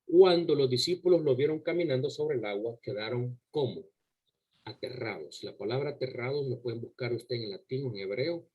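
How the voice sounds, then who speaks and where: Husky-voiced male preacher, emphatic. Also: mid-range voice, moderate pace, phone-quality sound. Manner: emphatic, asks the listeners rhetorical questions; repeats words and restarts while preaching. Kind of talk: sermon to a congregation. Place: church service before a congregation.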